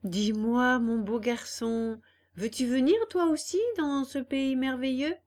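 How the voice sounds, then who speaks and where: A woman's voice: sits high, slow, pitched above the performer's own voice. Woman playing a fawning, honey-voiced little man. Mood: coaxing. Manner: honeyed, flattering. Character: sweet-talking fawning little man, coach driver.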